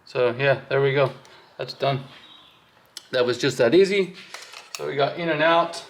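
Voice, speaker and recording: A man of medium pitch hosts a hands-on wiring walkthrough, speaking unhurriedly. He explains casually while working, thinking aloud in an informal workshop style.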